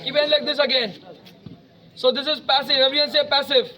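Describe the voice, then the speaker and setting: A young man with an Indian English accent, switching into Telugu as he teaches a self-defense class to students, calling out loud commands. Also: very high voice, fairly even intonation, brisk. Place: outdoors at a school, large group of students. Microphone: no microphone, camera at a distance. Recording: dull lo-fi sound, crowd noise.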